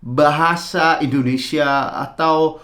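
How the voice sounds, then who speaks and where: A man's voice: a little high, fairly even intonation, slow pace, fairly bright tone. A man from the Netherlands, explaining word origins in a casual, hesitant way with frequent filler sounds. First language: Dutch. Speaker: content creator explaining language history. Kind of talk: casual explainer talking to camera.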